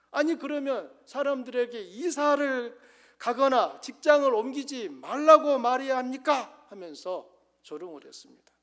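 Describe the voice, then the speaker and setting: A man preaching a Sunday sermon as pastor, earnest, swinging between emphatic rises and soft low asides.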